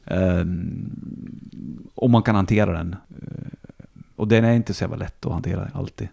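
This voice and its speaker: A man with a Hälsingland Swedish accent, chatting casually as a guest, relaxed and rambling, swearing easily. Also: low voice, vocal fry. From Sweden, Hälsingland. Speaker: musician and radio host, guest. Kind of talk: casual conversation.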